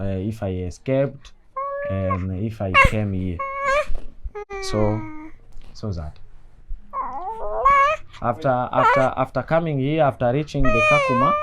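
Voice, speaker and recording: Slow, halting young man from Congo. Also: medium pitch, very noisy. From eastern Congo. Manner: halting, searching for words. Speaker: refugee interviewee. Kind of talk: documentary interview.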